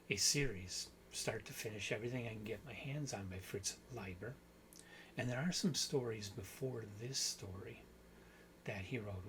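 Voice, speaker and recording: A man's voice: fairly low pitch, a bit bright, a little hiss or hum, rough recording. A man hosting a book channel, talking through a story in a casual, rambling way and correcting himself as he goes. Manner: rambling, self-correcting, thinks aloud.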